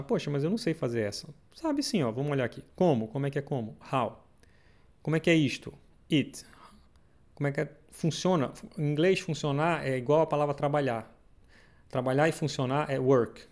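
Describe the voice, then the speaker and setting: Gravelly-voiced male English teacher. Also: on the high side, a little mellow. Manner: explains step by step, repeats example questions slowly. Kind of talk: recorded language lesson.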